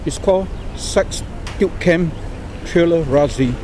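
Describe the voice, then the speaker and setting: A man's voice: a little high, slow. Singaporean man demonstrating gadgets, noisy outdoors. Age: middle-aged. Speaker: product demonstrator. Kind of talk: informal product demonstration in Singlish-style English. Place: outdoors by a car park and exhibition centre. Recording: noisy outdoor recording with traffic ambience.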